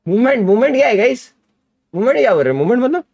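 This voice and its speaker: Extremely high-pitched and very fast, the voice is husky with vocal fry in a dry recording. It's an Indian-accented man in his twenties streaming games from an indoor desk, chatting excitedly and repeating animated slang-filled hype.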